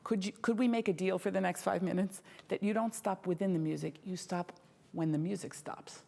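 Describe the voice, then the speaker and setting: A middle-aged woman coaching a young violinist in a masterclass, lively and demonstrative, often laughing and singing rhythms. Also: lowish voice, a little fast, creaky. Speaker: violin teacher giving a masterclass. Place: concert hall stage at a music competition. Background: violin and piano playing faintly.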